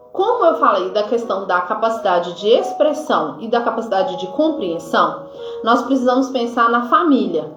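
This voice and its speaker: In an echoey room, a Brazilian nurse teaches a health topic to camera in a fairly high, slightly bright female voice with a Brazilian Portuguese accent. Her informal delivery leans on fillers such as "né" and "tá," and at times she reads from notes. The audio is dull and lo-fi, with faint music behind.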